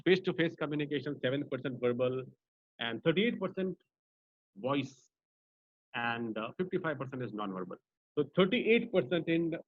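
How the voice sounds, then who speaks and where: A man's voice: on the high side, no echo. A man teaching a voice training class over a video call, often asking the group questions. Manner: interactive, asks the group questions. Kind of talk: online training session. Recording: dry, slightly dull call audio.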